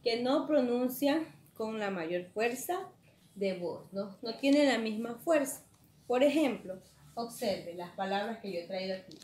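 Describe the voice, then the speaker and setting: A woman teacher giving a slow, patient classroom lesson and checking in with her students through frequent questions. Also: fairly high pitch, lively intonation, a little mellow. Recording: echoey room, faint ambience.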